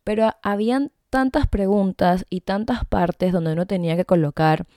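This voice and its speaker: A woman's voice: medium pitch, moderate pace, warm tone, dry recording, clean studio sound. A young woman hosting a podcast, talking casually to her listeners with lots of fillers and self-corrections. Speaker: podcast host. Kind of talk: casual solo talk to listeners.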